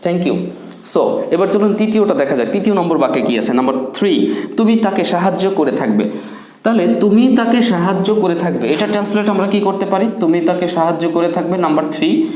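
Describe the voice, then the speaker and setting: Guy teaching grammar, asks questions then answers them himself, kinda high voice, roomy echo. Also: animated, a little mellow. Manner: slow, drawn-out English example sentences between quick explanations. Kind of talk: classroom grammar lesson.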